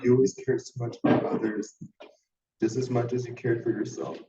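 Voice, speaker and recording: A man reading a written tribute to his late partner in a steady, even way. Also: medium pitch, fairly quick, background noise. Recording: echoey hall from far off, dull sound.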